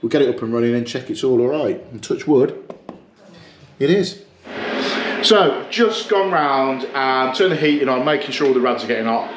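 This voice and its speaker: A man's voice: medium pitch, normal speed. Plumber guy talking thru a job in a living room, body cam, noisy audio. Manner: chatty, self-mocking, explains as he works. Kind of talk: work vlog narration. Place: living room in a house, indoors.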